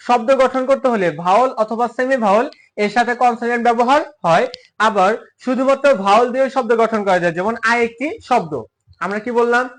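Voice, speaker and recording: A male English teacher giving a classroom lesson, asking questions and answering them himself, and spelling words out syllable by syllable. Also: very high voice.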